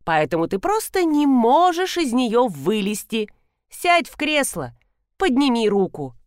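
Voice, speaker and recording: A woman's voice: fairly high pitch, big pitch swings, unhurried, no echo, studio quality, pitched above the performer's own voice. A woman reading an audiobook, voicing a pushy, teasing wife who needles her husband insistently. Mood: needling insistent. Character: bossy teasing wife, middle-aged woman. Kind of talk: audiobook character voice.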